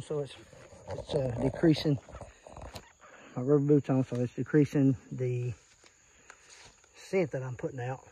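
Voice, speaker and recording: This Arkansas deer hunter, talking casually and plainly with a Southern accent, points things out in a folksy way while scouting the woods for an outdoor vlog. His voice is fairly high, husky, and dark in tone. The field recording is low quality, with faint natural noise.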